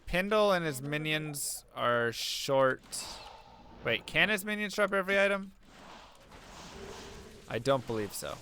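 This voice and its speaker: A young man with a slightly high, animated voice speaks at a measured pace with long pauses, his tone pushed and bright over slight background noise. He's streaming a video game, chatting casually and answering viewers' questions aloud, and mentions he's losing his voice.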